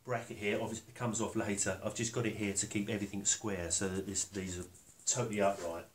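An older male woodworker, fairly low-pitched with a level tone, talks through his build step by step in a casual, halting, matter-of-fact way, thinking aloud as he works. He's in a concrete-block workshop and a house room, where the echoey space adds faint noise and handling clicks.

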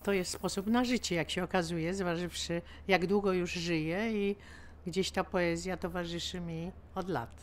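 A woman's voice: on the low side, fairly even intonation, moderate pace. Older woman talking reflectively. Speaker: poet. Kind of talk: reflective interview talk.

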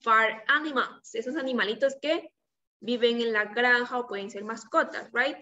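A young woman, a native Spanish speaker, teaches small children in a slow, simple, encouraging way, as if talking to a toddler, having them repeat words. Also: fairly high pitch, sharp tone. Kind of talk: preschool vocabulary lesson for repeat-after-me practice. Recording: distant, slightly muffled video-call audio.

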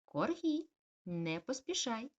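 A woman voicing a caring, worried mother dog who speaks gently but firmly. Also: fairly high pitch, big pitch swings, a little slow, pitched above the performer's own voice. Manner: gentle but firm, warning.

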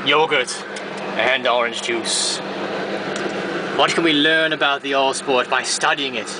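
A man's voice: mid-range voice, measured pace, noisy background. A man hosting a blog, narrating in a theatrical, mock-serious wildlife-documentary manner in a home kitchen. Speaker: blog host.

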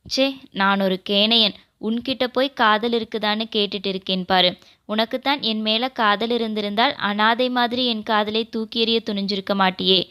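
A woman's voice: medium pitch, steady tone, moderate pace, sharp tone, clean tone, lightly acted. A woman reading the part of a wounded, angry young husband in a romance audio novel, in a bitter, accusing tone.

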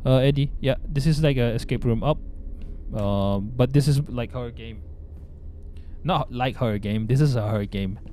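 A man's voice: medium pitch, normal speed, mellow, slight background noise. A young man with a Bruneian Malay accent, giving casual, scared live commentary on a horror game and repeating himself. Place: small indoor room with webcam.

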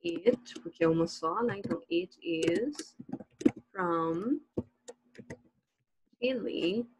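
A Brazilian woman teaching a recorded online English class, explaining slides patiently, slow and clear, checking "ok?" after each point. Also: fairly low pitch, background noise. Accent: Brazilian Portuguese.

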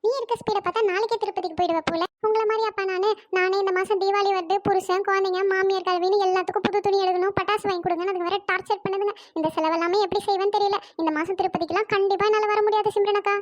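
Woman doing a squeaky, bossy cartoon housewife. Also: steady tone, dry recording. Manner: nagging, quick and bossy. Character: bossy, penny-pinching married housewife neighbor. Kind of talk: cartoon comedy voice acting.

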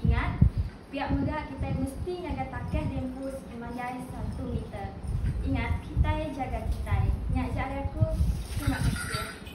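A twenty-year-old woman recites a prepared pageant introduction in a high voice. She sounds far from the mic in a very echoey space, with loud ambient noise all around. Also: steady tone, normal speed. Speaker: pageant contestant. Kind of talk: scripted self-introduction. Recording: very echoey distant recording with loud background noise.

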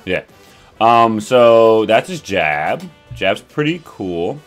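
A man's voice: fairly low pitch, big pitch swings, slow pace, faint music behind. A young man casually walking through a game character's moves as a tutorial host, enthusiastic and rambling with laid-back slang. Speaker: gaming channel host.

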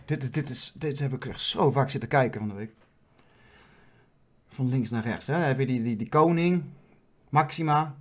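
A man's voice: mid-range voice, normal speed, long pauses. A man from the Netherlands giving mocking, rambling satirical commentary over footage, often stumbling over repeated words. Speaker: comedian host.

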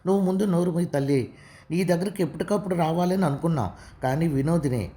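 A woman voicing a blunt, brisk young woman friend in a narrated story. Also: fairly low pitch, warm tone, lightly acted.

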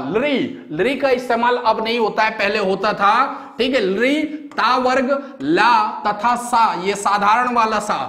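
High-voiced man teaching exam-prep, echoey room. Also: fairly bright tone. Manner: repetitive, drills phrases and asks "samajh gaye?".

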